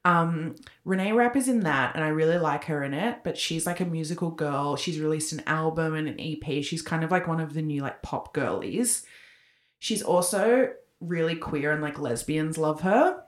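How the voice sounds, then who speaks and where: Low-voiced chatty woman. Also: lively intonation, normal speed. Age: 30s. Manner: chatty, rambling, many likes and ums. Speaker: podcast co-host. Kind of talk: casual chat. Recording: echoey room.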